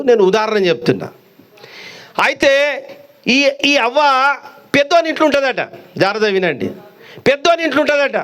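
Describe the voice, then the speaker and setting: A man preaching in a church, his voice sitting very high for a man. He tells stories and acts out the people in them. He swings from sharp exclamations down to low, drawn-out lines. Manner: storytelling, acting out voices of mother and son. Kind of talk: sermon. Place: church hall.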